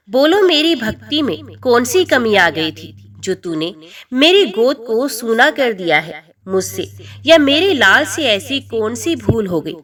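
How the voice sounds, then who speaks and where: A woman's voice: on the high side, a bit bright, full character voice. A woman voicing a devout old mother who pleads in grief with the goddess for her drowned son. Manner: anguished, pleading.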